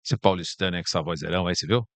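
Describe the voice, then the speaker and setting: A man from Brazil, a podcast guest on a bar stage, talking in a calm, reflective and spiritual way and often repeating words while he searches for them. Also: low voice, rapid-fire, dry recording. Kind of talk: casual chat.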